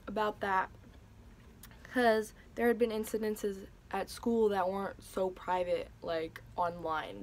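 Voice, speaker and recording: Speaking in a medium-pitched voice over a slight hiss or hum, a young woman shares a personal story in her vlog. She comes across as emotional and hesitant, often restarting and filling pauses.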